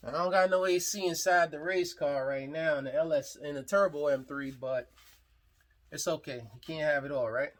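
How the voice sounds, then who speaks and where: A man with a slightly higher-than-average voice walks through his engine project in a loose, rambling way. He talks casually to viewers in a garage vlog, full of fillers and restarts. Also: fairly even intonation, moderate pace. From New York. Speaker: hobby mechanic vlogger.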